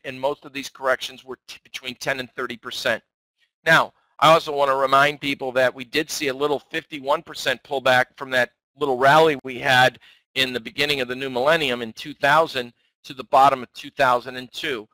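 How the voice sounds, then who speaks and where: A man's voice: medium pitch, bright, forceful tone, dry recording, rough recording. A man giving a weekly stock market outlook in a conversational, self-correcting way. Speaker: market analyst. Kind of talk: market commentary.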